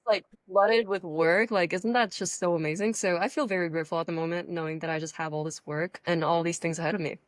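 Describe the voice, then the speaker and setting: A woman's voice: fairly low pitch, fairly even intonation, fast, hardly any pauses, no echo. Chatty teenage girl from Thailand, dry sound. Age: teens. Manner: upbeat, chatty, full of "like" and "you know". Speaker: podcast guest, online coach. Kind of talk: casual conversational interview.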